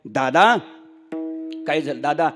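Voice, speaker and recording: A middle son in his forties who brushes off the worry in a casual, offhand way, acted out by a male preacher. He speaks loudly and a little higher than the narration. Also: animated, takes it slowly, faint music behind.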